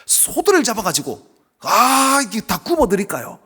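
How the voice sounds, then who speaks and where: A man's voice: high voice, wildly swooping pitch, normal speed, pushed and bright, slightly rough. A man pastor preaching a sermon at a church prayer service, emphatic and dramatic, acting out voices.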